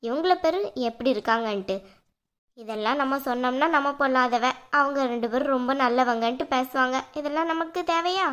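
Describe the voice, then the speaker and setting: High, bright cartoon sister-in-law, voiced by a woman, sarcastic, Kanyakumari Tamil accent. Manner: sarcastic, scolding.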